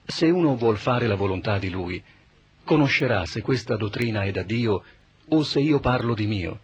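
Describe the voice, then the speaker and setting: A man playing Jesus as a calm, solemn teacher in a dramatized Bible reading, speaking in a measured, grave way. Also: on the low side, breathy edge.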